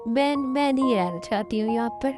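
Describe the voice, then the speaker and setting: A woman's voice: a little high, a little fast, over music, natural voice. A woman voicing a sulky young wife in an amateur Hindi dubbed drama, speaking in a complaining, reproachful way.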